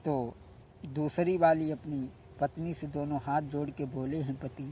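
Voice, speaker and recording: A man telling a folk story, moving between long drawn-out sung verses and plain spoken narration, heard from an old worn cassette tape. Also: fairly high pitch, steady tone, warm tone. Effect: played from an old worn cassette tape. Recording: muffled worn cassette with faint hiss.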